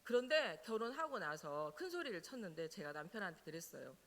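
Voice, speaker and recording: A middle-aged woman pastor, telling her own story in a sermon as an animated storyteller who laughs now and then. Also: fairly low pitch, fairly quick. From Jeolla, South Korea. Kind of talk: personal testimony in a sermon. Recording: reverberant church hall.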